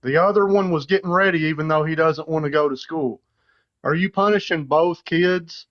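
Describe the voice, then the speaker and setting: A man's voice: a little high, moderate pace, lo-fi sound. A man with a Southern US accent calling into a talk show, earnest and a little hesitant as he makes his argument. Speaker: caller. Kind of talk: casual call-in chat.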